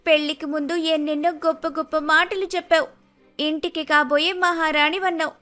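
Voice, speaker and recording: A woman's voice: sits high, steady tone, a little fast, pushed and bright, faint music behind. A meek young bride, as a woman voices her. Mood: hurt pleading. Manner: pleading, apologetic. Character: young newlywed daughter-in-law, meek and hurt. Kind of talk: cartoon story voice acting.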